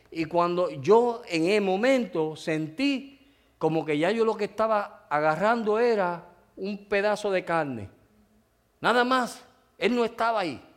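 Male preacher, high-pitched voice, emotional storytelling sermon, calls out to the congregation.

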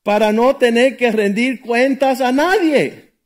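A man's voice: very high-pitched, slow pace. A middle-aged male pastor preaching a sermon in a conversational way, asking his listeners rhetorical questions.

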